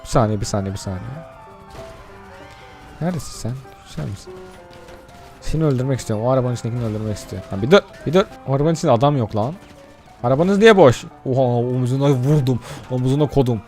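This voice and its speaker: A man doing excitable let's-play commentary, chatting straight to his viewers and cursing casually at the game. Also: mid-range voice, fast, soft background music. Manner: addresses viewers directly. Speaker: gaming YouTuber.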